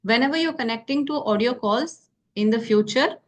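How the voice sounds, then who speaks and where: This is a woman from Karnataka in South India teaching English to a beginner by phone, practicing conversation. She talks briskly in a voice on the high side, staying patient, repeating the key points and checking in with lots of "okay?".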